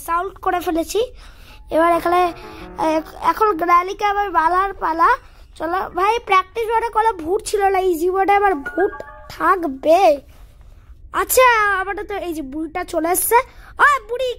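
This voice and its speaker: Very high-voiced woman narrating gameplay. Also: a bit bright, a little hiss or hum. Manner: chatty, taunts and calls out to the game villain. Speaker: gaming channel host. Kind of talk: casual gameplay commentary.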